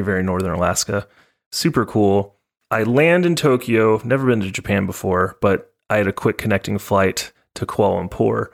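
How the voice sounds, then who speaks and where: A man's voice: lowish voice, gravelly. A man co-hosting a podcast, chatting casually and telling a travel story, acting out the other people in it. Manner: storytelling, acts out voices of others. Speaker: podcast co-host. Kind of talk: casual chat.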